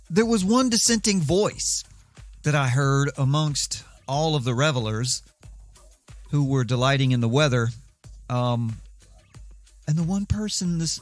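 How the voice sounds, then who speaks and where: A man hosting a casual solo podcast, telling stories in a rambling, wry, self-deprecating way. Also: a little high. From southeastern United States. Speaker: podcast host.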